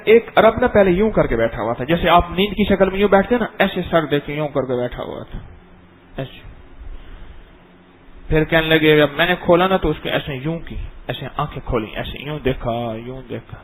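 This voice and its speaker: A middle-aged man giving a dawn religious lesson, telling stories and acting them out in an animated way. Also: high-pitched, low-quality recording. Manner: animated, acts out scenes and voices. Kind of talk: storytelling sermon.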